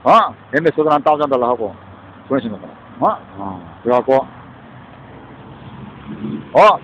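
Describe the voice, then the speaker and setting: Man, rambling street vlogger, pitch swings up and down a lot, keeps throwing in questioning grunts, muffled recording. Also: very animated, measured pace. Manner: rambling, mixes English words into his talk, keeps interjecting short questioning grunts. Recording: dull lo-fi recording with faint background noise.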